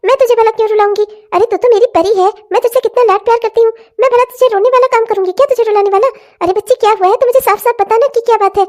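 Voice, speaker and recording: A woman's voice: very high-pitched, very fast, hardly any pauses, darkish tone, voice pushed up. A woman voicing a doting, fretful older mother-in-law in a cartoon family drama, coaxing and chiding.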